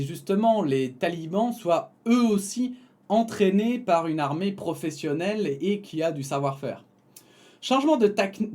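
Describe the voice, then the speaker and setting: A young male YouTube commentator reads from a prepared text, then drifts into casual asides full of fillers, hesitations and small laughs. His voice sits high with a darkish tone.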